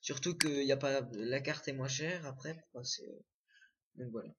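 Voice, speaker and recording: A man's voice: medium pitch, moderate pace, fairly bright tone, breathy edge, lo-fi sound. A young man casually commenting on his own screen recording, full of fillers and self-corrections. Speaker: gaming video creator.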